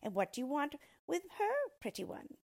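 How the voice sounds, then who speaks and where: A woman's voice: sits high, huge pitch swings, moderate pace, gravelly, darkish tone, voice pushed up, full character voice. A woman reading a storybook, voicing a malicious, boastful little male dwarf with a pompous, wheedling manner. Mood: sly, wheedling.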